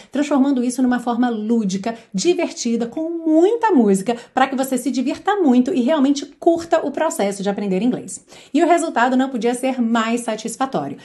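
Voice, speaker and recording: A woman who speaks natively teaches English in a lively online lesson, energetic and sometimes singing lyric lines slowly to demonstrate them. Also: a little high.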